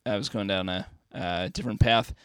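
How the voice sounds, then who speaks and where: A man's voice: lowish voice, brisk, a bit bright, clear, resonant tone. A man interviewing a band in a casual chat, joking and asking long, winding questions.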